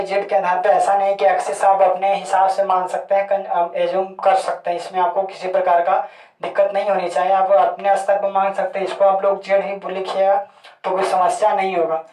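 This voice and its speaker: A man's voice: high-pitched, mellow. A man teaching a chemistry lesson, often repeating key terms as questions to his students. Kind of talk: classroom lecture. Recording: echoey room, voice distant from mic.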